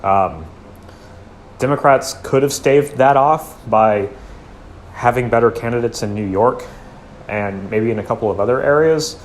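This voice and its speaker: A man hosting a commentary channel, giving a blunt, casual spoken critique full of fillers and trailing pauses. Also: medium pitch, slight background noise. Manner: loose and conversational, many fillers and trailing off; blunt, occasional swearing.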